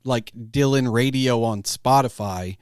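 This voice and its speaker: In a clean, echo-free studio recording, a middle-aged man with a smooth, darkish mid-range voice speaks unhurriedly. He's a podcast host in casual conversation, rambling off on tangents and frequently breaking off mid-clause to begin a new one.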